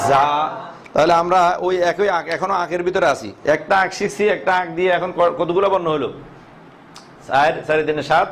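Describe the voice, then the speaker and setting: A man's voice: on the high side, a little hiss or hum. A man teaching how to pronounce Arabic letters, asking questions and answering them himself, drawing out each letter's sound. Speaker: Quran teacher.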